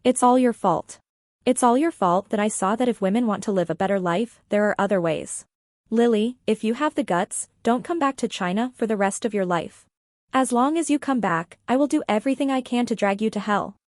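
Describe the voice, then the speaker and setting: A woman's voice: on the high side, fairly quick, darkish tone, no echo, clean studio sound, close to an everyday voice. A woman voicing a bitter, vengeful young woman in an audiobook story, with an accusing, resentful manner.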